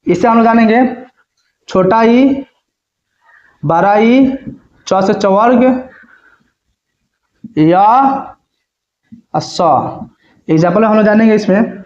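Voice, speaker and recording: High-voiced man teaching in a roomy echo. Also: slow pace, long pauses, darkish tone. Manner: repetitive, asks and answers his own questions. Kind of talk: whiteboard grammar lesson. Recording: roomy, dull lo-fi sound.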